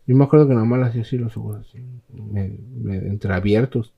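A man with a Mexican accent hosting a podcast, telling a story in a casual, slangy, animated way and imitating other people. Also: fairly low pitch, fast talker, gravelly, slightly rough, highs cut off. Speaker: podcast host.

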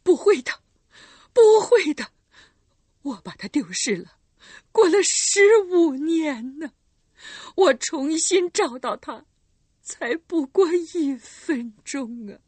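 A woman's voice: high-pitched, sing-song, slow, long pauses, husky, no echo, voice pushed up, heavily acted. A woman voicing a grieving, vengeful middle-aged recluse mother who cries out in anguish.

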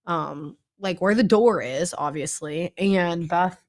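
Speaking slowly in a lowish voice, a twenty-something woman from Northeast Ohio, who works as a youth pastor, co-hosts a podcast. Her casual chat is easygoing and slangy, sprinkled with plenty of fillers.

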